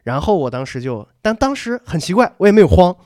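Quick-talking young man telling a story. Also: high voice, dry recording, clean studio sound. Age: young adult. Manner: lively anecdote telling, acting out dialogue, repeats words. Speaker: podcast co-host. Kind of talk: casual storytelling chat.

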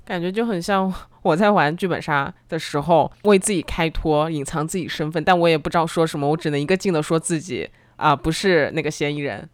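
A woman's voice: deep voice, fairly quick, hardly any pauses, no echo. A woman co-hosting a podcast, chiming in with casual conversational commentary.

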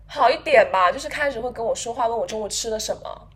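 A woman co-hosting a podcast, chatting casually and telling animated workplace stories, often laughing and mimicking coworkers. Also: on the high side, fast, slightly rough. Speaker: podcast co-host. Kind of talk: casual chat, storytelling.

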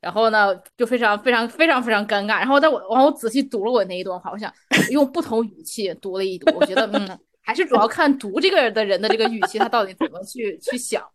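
Fast-talking woman. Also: a little high, lively intonation. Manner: chatty, laughing, repeats words while searching. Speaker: guest. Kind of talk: casual chat, telling anecdotes.

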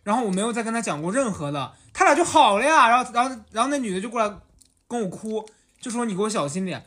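A podcast host telling a school story in casual chat, animated and often laughing. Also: medium pitch, fast talker.

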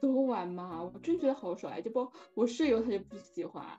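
Young woman, relaxed mellow timbre, casual chat, slightly muffled with music. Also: mid-range voice, fast talker. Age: young adult. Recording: dull lo-fi sound, music behind.

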